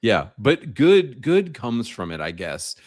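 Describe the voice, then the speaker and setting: A man's voice: medium pitch, wildly swooping pitch, a little mellow, dry recording, clean studio sound. A man co-hosting a retro gaming podcast, talking casually with blunt opinions. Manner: blunt, opinionated, quick agreements. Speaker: podcast co-host.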